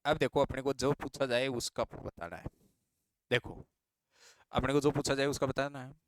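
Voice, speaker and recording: A man's voice: medium pitch, level tone, moderate pace. A man teaching a reasoning lesson for exam students, patient and repeating each step as questions to his students.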